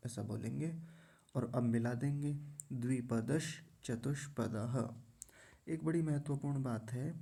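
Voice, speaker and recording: A man teaching pronunciation, who breaks each word into syllables and repeats it slowly to demonstrate. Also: mid-range voice, vocal fry, dark tone, breathy edge. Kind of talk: recitation lesson.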